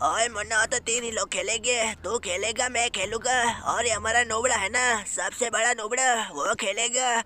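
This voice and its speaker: A man's voice: very high-pitched, fairly even intonation, normal speed, few pauses, sharp tone. A man voicing a cheeky, bossy cartoon cat in a comic fan dub over gameplay, talking with brash swagger. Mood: boastful. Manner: brash, swaggering, calls everyone little one.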